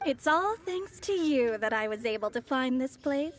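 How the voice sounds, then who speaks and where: A high-voiced, smug young witch. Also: lively intonation, moderate pace, slight background noise. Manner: polite, theatrical. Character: mysterious young witch schemer, polite and smug. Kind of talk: video game voice acting.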